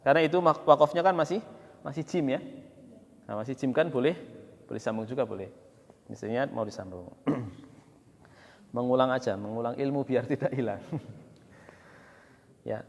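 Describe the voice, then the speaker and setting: A man teaching Quran recitation to a class, drilling students, counting aloud and chanting verses slowly. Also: medium pitch, a little mellow. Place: mosque hall. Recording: long mosque reverb.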